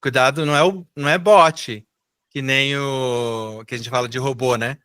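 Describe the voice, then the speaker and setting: A man's voice: mid-range voice, fairly even intonation, moderate pace, bright, forceful tone, smooth, studio quality. A middle-aged Brazilian man teaching English in a live online class, patiently explaining and repeating words for students to echo.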